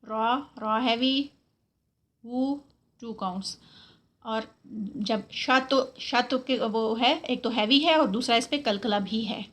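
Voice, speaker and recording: Woman, recitation teacher, bright tone, slightly high voice, slow drawn-out words, patient explaining. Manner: says each word drawn out twice, explains in Urdu mixed with English terms. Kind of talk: slow instructional lesson, modeling each word.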